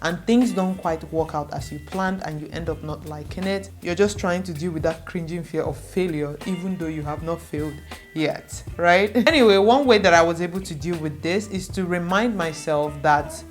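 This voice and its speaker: Talking directly to her audience, a young adult vlogger from Nigeria, a native Igbo speaker, offers earnest reassurance and advice, going back over key points for emphasis. She speaks at a normal speed in a lowish voice, with soft music playing behind her.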